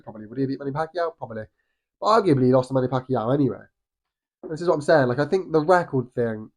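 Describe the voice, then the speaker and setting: A British man whose voice sits on the high side and is a little mellow talks through a cold that leaves him slightly nasal. Vlogging about boxing, he delivers a casual opinion monologue that wanders, often restarting and saying um.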